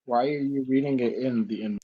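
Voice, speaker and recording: A young friend on a call, giggly and quick to interrupt the reader. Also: medium pitch, slightly rough, phone-quality sound. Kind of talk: casual chat on a call.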